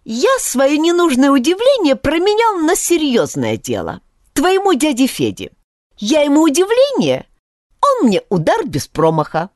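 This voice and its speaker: A woman's voice: high voice, huge pitch swings, a little slow, darkish tone, dry recording, studio quality, voice pushed up, exaggerated voice. A woman voicing a cocky, scheming boy with a slingshot who boasts and bargains in a storybook reading. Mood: boastful. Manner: boastful, swaggering.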